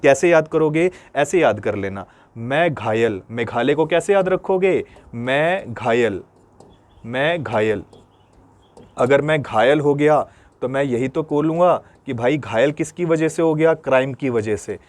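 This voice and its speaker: A man's voice: a little high, animated, moderate pace, darkish tone. A male teacher giving an exam-prep lesson. He quizzes his pupils, answers his own questions and repeats memory tricks, calling them "dear children". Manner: calls listeners "dear children".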